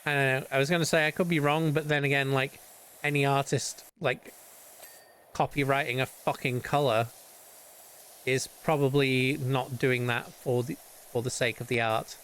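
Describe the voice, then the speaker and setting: A young British man in casual chat while gaming. His pitch sits in a middling range. He rambles loosely and hums silly tunes to himself, speaking close to a desk mic. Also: steady tone, moderate pace, a bit bright, clear, resonant tone. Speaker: streamer.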